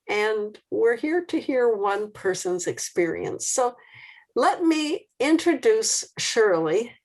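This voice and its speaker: Slow, lilting woman introducing a guest. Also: a little high, a little mellow. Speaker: interviewer and event host. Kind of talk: introducing a guest on a video call.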